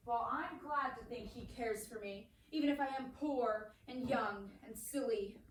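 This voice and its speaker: A woman's voice: fairly high pitch, unhurried, close to an everyday voice. A woman playing an earnest, proud young woman in a period drama, polite but spirited. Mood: earnest, loyal. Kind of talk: stage-style period drama dialogue. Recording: very echoey, distant, faintly noisy room recording.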